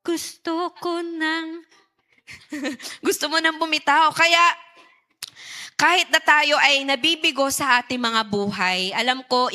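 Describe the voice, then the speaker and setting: High, bright woman preaching. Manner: engaging, asks the audience questions. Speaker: youth preacher. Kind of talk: sermon.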